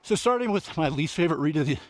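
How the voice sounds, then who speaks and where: A man with a slightly high voice gives a casual book recap while running. He is winded and speaks in short, breathy phrases. The sound is very dry, with no echo around the voice. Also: animated, fast talker. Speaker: book reviewer vlogger. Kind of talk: casual book recap vlog recorded on a run. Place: outdoors at night.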